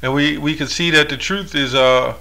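A man's voice: on the high side, fairly even intonation, normal speed, creaky, bright, forceful tone. A man reading Bible verses aloud and explaining them in a monologue, with rhetorical asides. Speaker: religious commentator.

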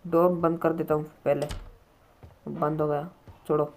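A man's voice: on the high side, little pitch movement, measured pace. A man hosting his gaming channel, giving jumpy let's-play commentary on a horror game, often yelping in fright and talking to viewers.

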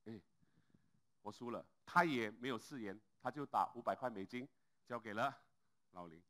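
A male pastor preaching a sermon in an animated way, with many filler sounds and rising exclamations. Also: medium pitch, moderate pace.

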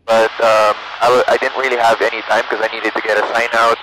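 A young man training as a pilot narrates his flight casually and fast from the cockpit of a small propeller plane, making radio calls through an aviation headset boom mic. His medium-pitched voice stays level, with music and other background noise behind him.

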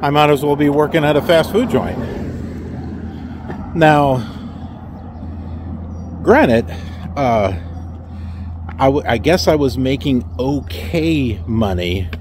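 A man's voice: medium pitch, lively intonation, slow, pauses often, a little mellow, a little hiss or hum. A middle-aged man talking casually into a phone held at arm's length in an outdoor parking lot, wry and full of rhetorical questions as he recounts his trucking job. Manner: wry, rhetorical questions, mocks company replies. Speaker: truck driver vlogger. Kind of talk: casual talk to camera.

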